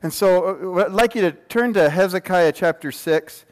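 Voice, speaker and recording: A man in roughly his forties preaches in a high voice at a moderate pace to a congregation in a large room. His sermon is casual and informal, full of jokes and rhetorical check-in questions. The recording has long hall reverb.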